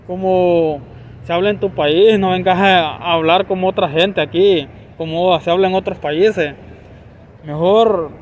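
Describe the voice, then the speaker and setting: A young man from Honduras speaks with a Honduran Spanish accent and a high voice. He lectures his viewers insistently, circling back to the same points again and again. Faint street and car noise hums behind him outdoors. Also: a little mellow, rough recording. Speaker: vlogger. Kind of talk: opinion rant to camera.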